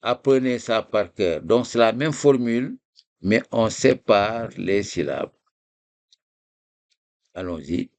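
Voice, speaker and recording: A man teaching a recorded reading lesson, slowly repeating a memory phrase syllable by syllable for his students. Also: fairly low pitch, expressive. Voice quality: gravelly.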